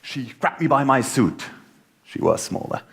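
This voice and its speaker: A man's voice: medium pitch, a little slow, fairly bright tone. A man giving a humorous contest speech on a conference stage, telling a comic story with big swings in his voice.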